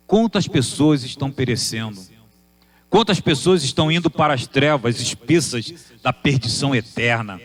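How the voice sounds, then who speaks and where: A man preaching a sermon, posing emphatic rhetorical questions. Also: mid-range voice.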